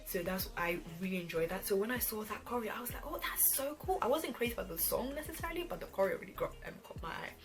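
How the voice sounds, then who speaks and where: With lively intonation, a medium pitch, and few pauses, a 21-year-old vlog host talks fast and conversationally over R&B pop music. She was born in Ghana and relocated to England at twelve.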